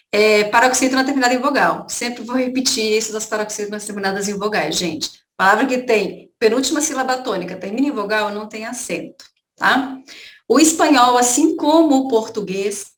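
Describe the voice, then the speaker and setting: A woman's voice: fairly high pitch, a bit bright, reverberant. A Brazilian woman teaching an online Spanish lesson, explaining points and checking in with her students. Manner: explanatory, repeats points with "tá?" and "gente".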